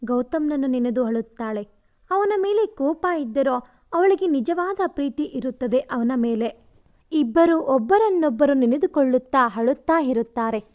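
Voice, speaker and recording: A woman narrating a dramatic romantic audio story in a steady storytelling voice. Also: high voice, moderate pace.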